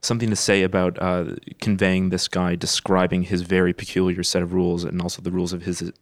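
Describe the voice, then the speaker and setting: Very deep-voiced man, hesitant. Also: completely flat delivery, quick pace, dry recording, studio quality. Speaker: podcast panelist. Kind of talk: casual film discussion.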